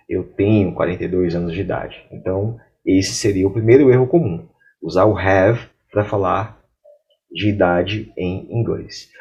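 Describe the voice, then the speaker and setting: A Brazilian Portuguese-speaking man teaching English grammar, explaining clearly and reading English example sentences slowly. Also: fairly low pitch, dark tone, lo-fi sound.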